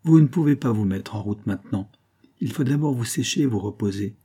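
A man reading aloud, voicing a kindly young male charcoal burner with a brisk, rustic, reassuring way of talking. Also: mid-range voice, lively intonation, mellow, breathy edge.

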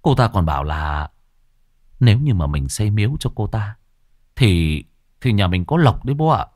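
A scared young man, as a man puts him on, speaking faintly and stumbling over his words. The voice sits low and weak in a dry, close recording. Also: very animated, normal speed, darkish tone, dry recording. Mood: frightened. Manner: faint, stammering, whispery.

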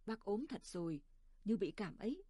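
A woman's voice: mid-range voice, big pitch swings, normal speed, mellow, slightly rough, no room sound, studio quality. A woman doing a fussing village neighbor. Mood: worried, fussing.

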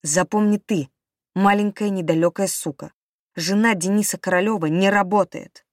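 A woman's voice: fairly low pitch, moderate pace, no room sound, studio quality, natural voice. A woman voicing a raging contemptuous husband. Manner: shouting, contemptuous. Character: angry abusive young husband, man.

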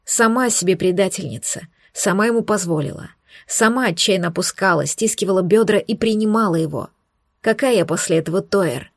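A woman's voice: mid-range voice, fairly quick, no room sound, clean studio sound. Woman narrating an intimate romance audiobook. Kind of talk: first-person romance novel narration.

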